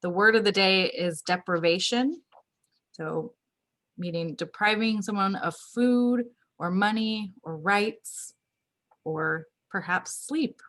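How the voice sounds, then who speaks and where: A woman with a mid-range, slightly bright voice speaks slowly as toastmaster, hosting an online club meeting through a video call. Upbeat and organized, she goes over the roles and reminders.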